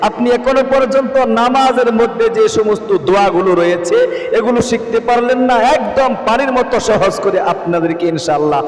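Man, high pitch, earnest prayer teacher, long hall reverb. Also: animated, a little fast. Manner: earnest, coaxing, repeats phrases word by word. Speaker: religious teacher. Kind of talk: prayer recitation lesson. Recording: roomy echo with long reverb.

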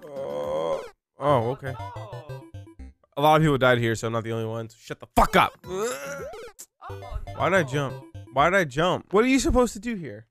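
Animated, bright-voiced man ranting over games. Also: a little high. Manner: ranting, heavy swearing, exasperated. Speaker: gaming video creator. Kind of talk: profane gameplay reaction commentary.

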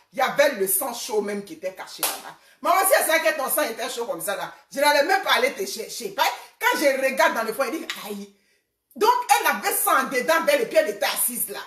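A woman in her forties talks in a loose, conversational way, with a fairly high voice. She keeps retelling what people said to her. The sound is roomy and echoey, and she sits some way back from the microphone. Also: a bit bright, far from the mic. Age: 40s. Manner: conversational, retelling quoted exchanges. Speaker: social media personality. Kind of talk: casual personal address to a rival.

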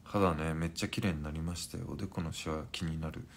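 A man in his forties chatting on a live stream and reading viewer comments, in a languid, drowsy-sounding, unhurried way. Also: very deep voice, steady tone, vocal fry, a little hiss or hum. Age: 40s.

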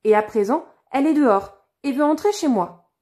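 A woman's voice: sits high, animated, moderate pace, warm tone, pitched above the performer's own voice. A woman reading a spoiled young princess. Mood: frightened. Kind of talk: storybook reading.

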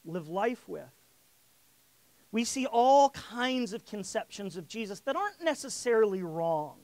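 High-voiced man preaching a sermon. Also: no room sound. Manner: builds in volume and emphasis on key lines; repeats words while searching for phrasing.

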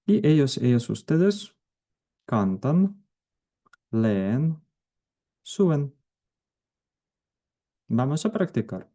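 Slow, dark-voiced male language teacher. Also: mid-range voice. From Ukraine. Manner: slow, deliberate, pausing between each verb form. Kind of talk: grammar lesson with conjugation drills.

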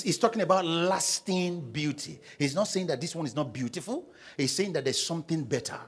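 Animated Nigerian pastor preaching to a congregation. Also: male voice, slightly rough. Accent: Nigerian English. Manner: call-and-response preaching, prompting the congregation to read aloud; paces the stage, swings between loud emphasis and low asides. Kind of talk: sermon. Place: large church auditorium stage. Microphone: handheld mic.

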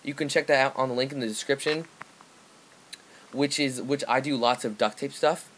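A man's voice: mid-range voice, steady tone, moderate pace, a bit bright, a little hiss or hum, rough recording. A teenage boy co-hosting a let's play, rambling and correcting himself with frequent ums. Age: teens. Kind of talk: casual gameplay commentary.

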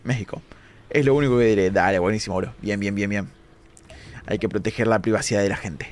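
A young Argentine man with a Rioplatense accent, streaming a game late at night and chatting with viewers as he reads out their comments. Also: lowish voice. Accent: Rioplatense Argentine Spanish. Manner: chatty, reads chat comments aloud, quick asides. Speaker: live-streaming gamer. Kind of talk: casual live-stream commentary reading chat.

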